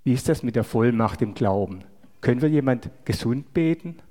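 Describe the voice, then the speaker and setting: Male preacher, measured sermon delivery with rhetorical questions, dark mellow tone, long hall reverb. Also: mid-range voice, lively intonation.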